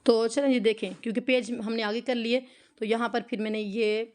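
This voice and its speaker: A woman teaching Quran recitation in an online lesson, patiently explaining each rule and then reciting phrases slowly for her students to repeat. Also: a little high, steady tone, a little mellow.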